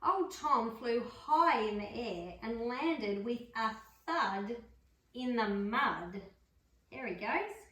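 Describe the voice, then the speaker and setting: A woman reading a picture book aloud to a dog, adding gentle chatty asides between pages. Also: fairly high pitch, lively intonation, slow pace. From Australia. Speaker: storybook reader. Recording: roomy room, mic far off.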